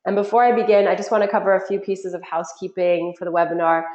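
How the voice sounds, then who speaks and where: A woman's voice: on the low side, fairly even intonation, fast, darkish tone, muffled recording. A woman with a nasal voice from a cold, hosting a live webinar in a friendly, chatty way with frequent ums. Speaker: webinar host. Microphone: computer mic on a web call. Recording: echoey room on a web call.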